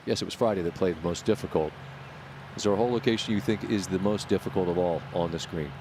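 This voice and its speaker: A man working as a golf commentator, calling live tournament play in measured, clipped phrases with wry, understated asides. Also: sits low. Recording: clear outdoor ambient noise behind voice.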